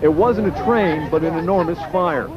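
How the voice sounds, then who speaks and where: A man's voice: fairly high pitch, normal speed. A man reporting live for television news from outdoors, in a field reporter's narrating style. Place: outdoors on a street at a fire scene. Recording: muffled lo-fi TV audio, clear outdoor vehicle noise.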